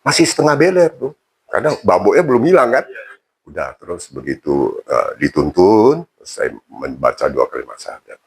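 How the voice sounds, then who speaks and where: Husky low-voiced man telling a story. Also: big pitch swings, moderate pace. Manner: casual, many fillers and restarts. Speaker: interview guest. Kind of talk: personal storytelling in conversation.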